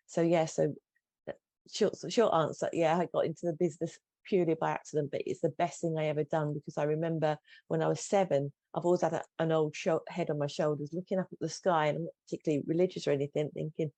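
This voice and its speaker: A middle-aged woman recounts her life story as a guest coach on an interview show. Her voice is mellow and unhurried in its earnestness, with frequent restarts. The recording is dry, with little room sound. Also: sits low, flat delivery, no echo.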